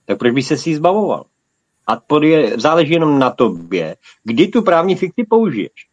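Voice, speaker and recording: A man on a panel chat, calmly insistent and lecturing. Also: fairly high pitch, dry recording, lo-fi sound. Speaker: panel guest.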